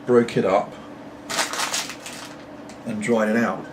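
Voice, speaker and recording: A man's voice: on the low side, fairly even intonation, slow pace. A middle-aged British man rambling casually to camera with apologetic asides, talking while puffing on a pipe at home. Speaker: pipe-smoking video blogger. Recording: distant mic, clearly noisy background.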